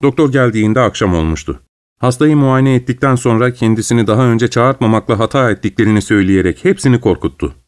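A man narrating a classic novel as an audiobook, his voice in a middle register. His delivery is measured and steady, carrying the story line by line. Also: medium pitch, smooth.

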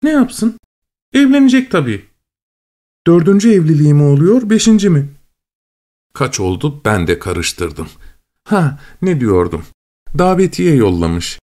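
A man's voice: a little high, big pitch swings, measured pace, long pauses, mellow, voice pushed up. A man doing a chatty gossiping mother. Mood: gossipy.

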